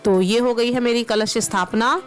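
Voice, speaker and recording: Woman vlogger from Meerut, India, somewhat high voice, casual and chatty narration that speaks directly to viewers. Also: fairly even intonation, normal speed. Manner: chatty, explains steps and addresses viewers directly. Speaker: vlogger and housewife.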